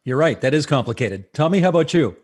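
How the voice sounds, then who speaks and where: A middle-aged man hosts an online event from his home office, speaking over earphones and a desk mic. He talks quickly and keeps things friendly and joking. His voice sits on the higher side. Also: animated, breathy edge. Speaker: host. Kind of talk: hosting a public online presentation. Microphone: video call with earphones and desk mic.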